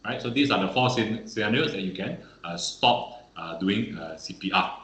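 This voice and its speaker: A man's voice: on the low side, normal speed, a bit bright, echoey room, low-quality recording. A man teaching first aid on an online webinar, peppering his speech with "all right" and "okay".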